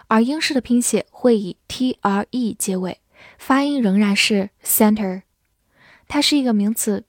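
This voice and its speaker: A woman teaching English vocabulary in a slow, clear lesson, spelling each word out letter by letter. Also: fairly high pitch, no echo, studio quality.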